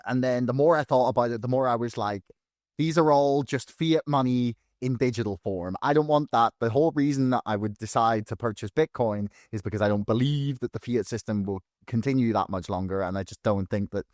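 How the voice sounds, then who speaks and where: A man's voice: medium pitch, fairly quick, a little mellow, no echo, clean studio sound. A man hosting a podcast, talking in an earnest, reflective way in casual conversation. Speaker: podcast host.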